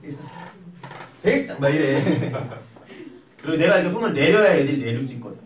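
A young man teaching math in a classroom, telling an animated story and acting out the voices. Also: a little high, fast. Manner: animated, acts out voices while telling stories. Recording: echoey room, mic at a distance.

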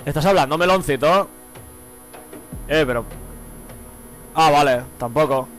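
A man's voice: on the high side, measured pace, a bit bright, soft background music, low-quality recording. A young man with a Spain Spanish accent, giving slangy, profane live gameplay commentary and laughing often. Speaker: gaming streamer.

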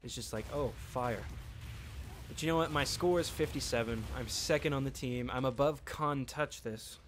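A man's voice: mid-range voice, brisk, slight background noise. A man giving casual let's-play commentary, rambling and joking to himself while he plays. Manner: rambling, joking, talks to himself mid-game. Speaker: gameplay commentator.

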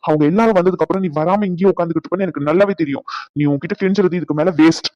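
A man's voice: high-pitched, very fast, no echo, dull audio, lightly acted. A man voicing a stressed young husband in a cartoon, scolding his wife in long rants. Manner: scolding rants, softening into comfort. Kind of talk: cartoon voice acting.

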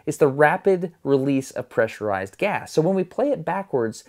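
A man's voice: a little high, big pitch swings, normal speed. A man in his thirties hosting casually to camera in a home room on a lapel mic. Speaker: host. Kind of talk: casual presenter talk to camera.

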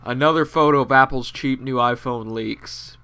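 A man's voice: medium pitch, moderate pace, pushed and bright, clear, resonant tone. A young man giving rambling, profane, sarcastic commentary over his gameplay, with a nasal voice. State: out of breath. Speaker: gaming commentator.

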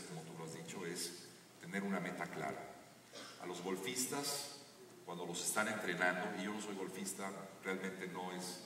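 An earnest man tells a story on a theater stage and builds to emphatic high points. His lowish voice comes out bright and forceful through the house speakers. It is caught from far back in the seats, with a long, roomy echo and a faint hiss. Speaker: guest speaker on a live stage talk. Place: large theater stage with audience. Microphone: stage PA, recorded from the audience seats. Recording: echoey theater audio from far off.

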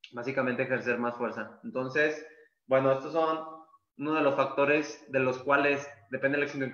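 A man's voice: medium pitch, pushed and bright. A man who coaches calisthenics, explaining in a loose, casual way full of "pues" and repeated words. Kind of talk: masterclass explanation. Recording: echoey room, dull lo-fi sound.

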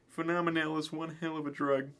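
A man's voice: a little high, a bit bright. A man playing a bitter, self-pitying celebrity frog in a mock documentary interview, theatrical and aggrieved.

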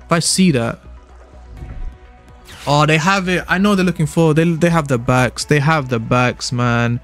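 Casting: high-pitched young man, exasperated card game streamer, faint music underneath. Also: a little slow, a bit bright. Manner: exasperated, ranting, repeats himself. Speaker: gaming content creator. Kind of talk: live card game commentary.

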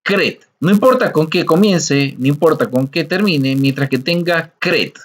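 A man's voice: fairly high pitch, unhurried. A man teaching a screen-recorded coding lesson, explaining patiently step by step and often checking in with listeners.

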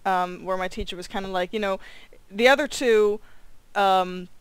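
A woman's voice: mid-range voice, normal speed, clean tone, rough recording. A young woman running a casual online voice call with her cast, laughing often and thinking aloud. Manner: giggly, chatty, thinking aloud. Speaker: student animator running a voice cast meeting. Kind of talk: casual group chat.

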